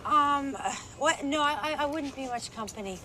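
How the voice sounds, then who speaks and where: A woman's voice: high-pitched, normal speed, pushed and bright, a little hiss or hum. An actress playing a guarded, driven woman police detective in film dialogue. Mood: flustered, tired. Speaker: actor in a thriller film. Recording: music behind the dialogue.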